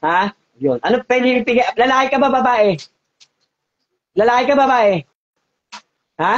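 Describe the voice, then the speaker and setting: A man's voice: very high voice, expressive, unhurried. A man leading a live healing session, coaxing and repeating short questions. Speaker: faith healer. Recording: dull lo-fi audio.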